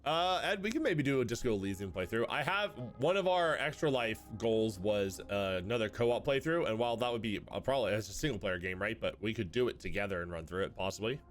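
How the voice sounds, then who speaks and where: A man with a hoarse voice from a sore throat, streaming a game and reading its story text aloud with wry comments between passages. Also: fairly low pitch, lively intonation, brisk, few pauses.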